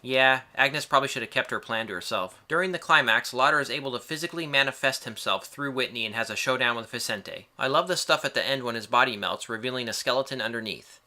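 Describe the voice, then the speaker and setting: A man's voice: mid-range voice, fast, hardly any pauses, bright, forceful tone, a little hiss or hum. A man reading a scripted film review in a casual way, with wry, joking asides.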